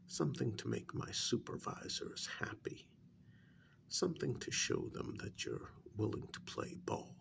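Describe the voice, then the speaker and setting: The man's voice is on the low side and exaggerated as he portrays a calm government agent questioning a captured werewolf for a soft-spoken ASMR role-play. Breathy and often near a whisper, he stays measured and quietly coaxing, with slight background noise present.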